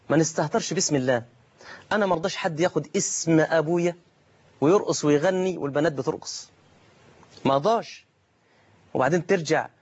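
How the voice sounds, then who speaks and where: A man preaching with an Egyptian accent, talking very fast in a somewhat high voice. He argues through rhetorical questions and plays out listeners' objections. The recording sounds dull and lo-fi. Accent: Egyptian Arabic. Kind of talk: colloquial sermon.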